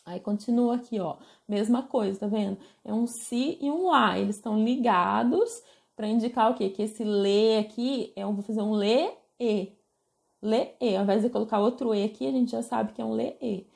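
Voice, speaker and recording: A woman's voice: fairly high pitch, a little fast, vocal fry, a little mellow. A woman with a Brazilian Portuguese accent teaching music theory from a book, explaining patiently and checking in often with her listeners. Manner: explains patiently, pointing at the page with many check-ins.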